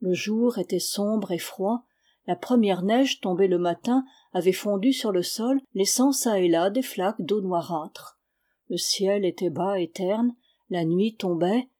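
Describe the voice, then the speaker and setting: A woman calmly reading a novel aloud in a measured storytelling manner. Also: mid-range voice. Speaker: audiobook reader. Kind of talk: scripted narration of a novel.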